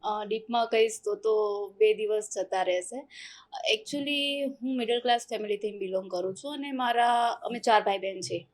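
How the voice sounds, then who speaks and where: A young adult woman, a podcast guest, telling her story in a casual and animated way and acting out the dialogue she quotes. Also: medium pitch, moderate pace.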